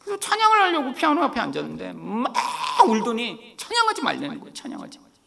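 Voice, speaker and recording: A middle-aged Korean man preaching a sermon, telling a personal story in an animated way and acting out the lines he quotes. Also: extremely high pitch, quick pace, creaky. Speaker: pastor.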